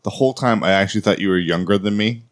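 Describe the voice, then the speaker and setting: A man's voice: lowish voice, fast talker. A man in his late twenties, co-hosting a podcast, chatting casually with a teasing, joking manner. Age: 20s. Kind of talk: casual chat.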